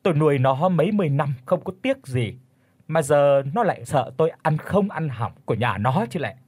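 A man's voice: medium pitch, animated, measured pace, darkish tone, husky, dry recording. A man voicing a frail, bitter old village mother, weak and anguished, in an audio storybook. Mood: wailing. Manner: weak, anguished, wailing curses.

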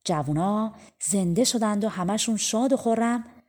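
A woman's voice: medium pitch, darkish tone. A woman narrating a folk tale audiobook in a casual, colloquial storytelling manner.

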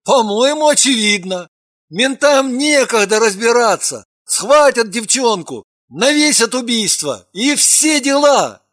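A woman's voice: a little high, expressive, measured pace, a bit bright, no echo, clean studio sound, voice pushed up. A woman reading an audiobook, voicing a touchy, defensive young man who answers curtly and sulkily. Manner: curt, defensive, sulky.

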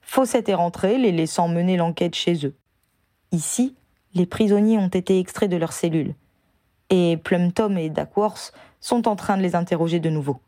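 A woman voicing a lively young female auror in an audiobook, with eager, animated delivery and a raised voice. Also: lowish voice, moderate pace, dry recording, clean studio sound, natural voice.

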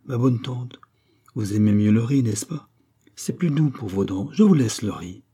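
A man's voice: medium pitch, lively intonation, moderate pace, mellow, slightly rough. A man reading a novel aloud, voicing a cheeky young man who talks with mocking, pompous grandeur. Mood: mock-sweet.

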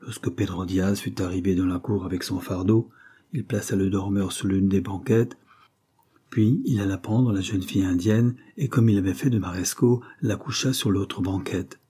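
Male audiobook narrator: low, dark, husky, steady. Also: moderate pace. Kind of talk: scripted narration of a novel.

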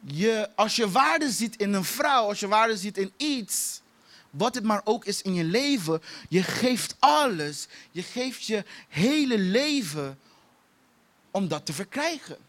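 High-voiced man preaching with emphatic repetition. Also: lively intonation, slow pace, a bit bright. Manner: emphatic, repeats key phrases, laughs at himself. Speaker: pastor. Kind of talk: sermon.

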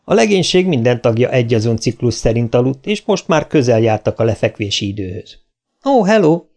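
A man reading a science fiction audiobook in an even, clear narration. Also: medium pitch. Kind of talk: scripted narration.

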